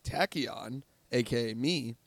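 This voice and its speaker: A man's voice: mid-range voice, takes it slowly, dry recording. A man co-hosting a podcast, talking casually in profane, rambling rants. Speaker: podcast co-host. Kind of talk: casual chat.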